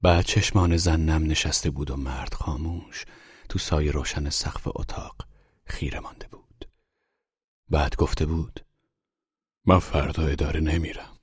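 A man reading a literary story aloud in a hushed, unhurried storytelling manner. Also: extremely low pitch, fairly even intonation, slightly rough, dry recording, studio quality. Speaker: audiobook narrator. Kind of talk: scripted literary narration.

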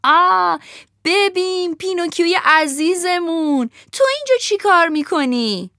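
Sly storybook fox, fawning and showy, high-pitched, as a woman puts him on. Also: expressive, pushed and bright, no room sound, clean studio sound, full character voice. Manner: fawning, theatrical. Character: sly sweet-talking fox, male, adult.

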